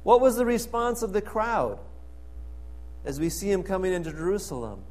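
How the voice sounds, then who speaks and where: A man's voice: high-pitched, expressive, normal speed, a little mellow. A man preaching a sermon as pastor, reading scripture and pressing repeated questions with emphasis.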